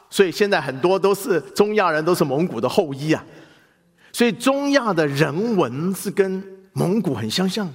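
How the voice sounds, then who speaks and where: A male pastor preaching a sermon in animated style, asking the congregation questions. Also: high-pitched, in a large hall.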